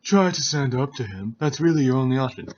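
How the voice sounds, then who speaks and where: A man reading the lines of a stern, cold male swordsman in a flat, matter-of-fact way. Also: mid-range voice, a little fast, roomy sound, distant mic, a little hiss or hum, natural voice. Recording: dull lo-fi recording.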